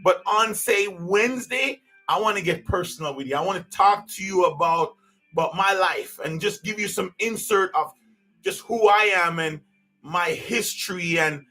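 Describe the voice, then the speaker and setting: A man's voice: sits high, moderate pace, bright, forceful tone, faint music behind. A man, hosting a podcast as an unscripted personal monologue, earnest and rambling, with many restarts. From Jamaica. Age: 50s. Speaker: podcast host.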